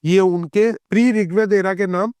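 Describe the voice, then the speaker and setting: A man explains astrology as a podcast guest in a smooth, resonant voice. His pitch sits a little high. The recording is dry and close. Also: fairly even intonation, a little mellow, dry recording. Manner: reads scripture verses slowly, then explains in conversational tones.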